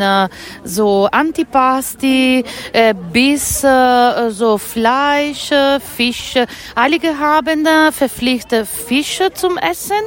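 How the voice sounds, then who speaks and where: Interviewed casually at an outdoor Christmas market stall, a woman from northern Italy speaks with an Italian accent, Italian being her first language, and often hunts for her German words. Her voice is fairly high-pitched.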